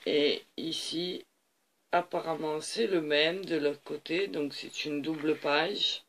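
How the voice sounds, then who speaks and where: A man's voice: fairly high pitch, slow pace, gravelly, a bit bright, slight background noise. A man hosting a craft channel, leafing through a paper pad on camera and gushing over each page with repeated little compliments and fillers.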